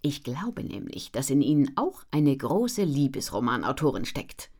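A cheerful, dynamic editor, voiced by a woman narrator bursts with enthusiasm. Her voice stays low, but she speaks louder and brighter than the narration around it. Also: sing-song, measured pace, heavily acted. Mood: enthusiastic. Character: upbeat female book editor, enthusiastic.

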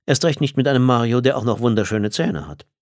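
Man reading a wry young guy, quick and self-mocking, lively. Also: mid-range voice, no echo, clean studio sound, pitched above the performer's own voice, lightly acted.

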